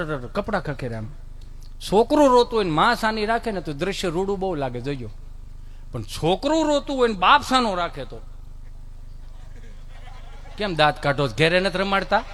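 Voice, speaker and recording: A man's voice: high voice, slight background noise. A man, telling a folk comedy monologue on stage and mimicking family members as he goes. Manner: animated storytelling, mimics family voices. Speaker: stand-up comedian.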